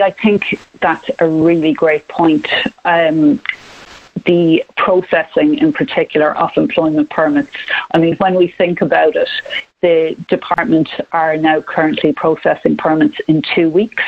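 Woman panelist talking slow and careful, kinda monotone, phone-line sound. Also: low-pitched. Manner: measured, slow, thoughtful. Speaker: immigration manager, podcast panelist. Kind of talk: professional discussion.

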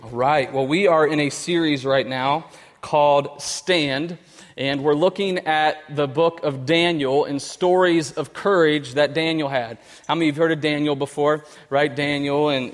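A man preaching a conversational sermon as pastor, telling stories with lively restarts. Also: a little high. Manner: conversational, animated storytelling with restarts. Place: church sanctuary. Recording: long hall reverb.

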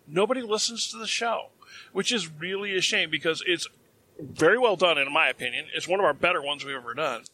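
A man co-hosts a casual podcast in a rather high, very bright voice. He rambles and leans hard on his points, often breaking off to restart a sentence. He says his throat is dry. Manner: rambling, self-correcting, emphatic. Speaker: podcast co-host.

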